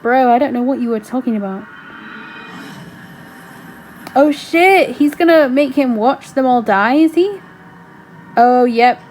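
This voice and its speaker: A woman reacting to a show in casual commentary, excitable and full of slang and swearing. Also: high voice, a little slow, long pauses, soft background music. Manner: excitable, exclaiming, slangy and profane. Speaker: reaction video host.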